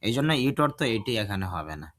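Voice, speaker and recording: A man teaching an English lesson, drilling sentences slowly and translating each one. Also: fairly low pitch, animated. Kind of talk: bilingual language lesson.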